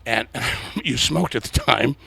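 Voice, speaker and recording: A man's voice: mid-range voice, animated, slow, vocal fry, pushed and bright, husky. A man hosting a podcast, animatedly telling stories and laughing often as he talks. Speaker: podcast host. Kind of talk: casual storytelling interview.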